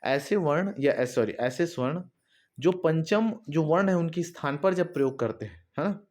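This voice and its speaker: His voice on the high side, a little mellow and expressive, a man from Chhattisgarh teaches an exam-prep grammar lesson at a moderate pace. He explains repetitively, answers his own questions, and checks in with students often, speaking to them directly with fillers like "है ना".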